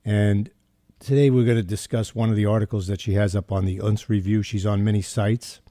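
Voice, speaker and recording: Low-voiced radio host, dry studio. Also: male voice, level tone, brisk, mellow, no room sound. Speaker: radio talk show host. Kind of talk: talk radio hosting.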